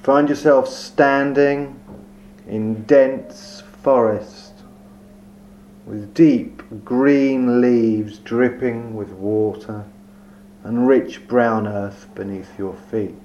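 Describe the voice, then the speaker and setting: A man guiding a meditation, speaking very slowly and softly with long, calm pauses. His voice sits at an ordinary pitch. The recording is dull and lo-fi with a faint hum underneath. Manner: slow, soft, soothing delivery with long pauses. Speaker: meditation guide. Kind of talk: guided meditation.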